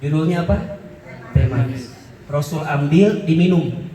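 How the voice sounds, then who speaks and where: A man's voice: on the high side, unhurried, warm tone. A man preaching a humorous sermon, quizzing the congregation and acting out scenes. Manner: joking, questions the crowd, acts out scenes. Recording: echoey hall, mic far off.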